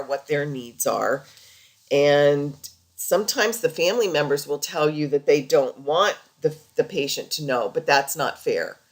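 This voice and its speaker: A low-voiced woman, a healthcare practitioner, lectures over slides in an informal, conversational, explanatory style.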